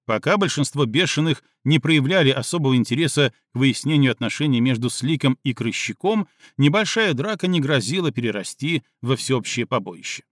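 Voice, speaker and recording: A man narrating an audiobook in a dramatic, expressive reading style. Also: mid-range voice, fairly quick, no room sound, clean studio sound.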